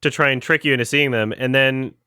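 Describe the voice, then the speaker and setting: A man co-hosting a podcast, talking about movies in an animated, wry way, with frequent laughs and swearing. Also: mid-range voice, brisk, clean tone, dry recording, clean studio sound. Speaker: podcast co-host. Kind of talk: casual film review chat.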